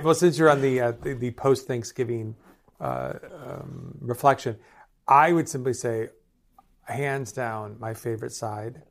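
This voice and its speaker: Animated priest, playfully opinionated. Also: male voice, medium pitch. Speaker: priest co-host. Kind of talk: casual podcast conversation.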